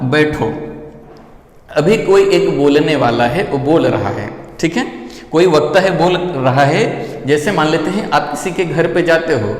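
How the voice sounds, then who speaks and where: Male lesson presenter, slightly high voice, drills points with repeated questions, reverberant room. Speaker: teacher. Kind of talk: Hindi grammar lesson. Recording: echoey room with long reverb.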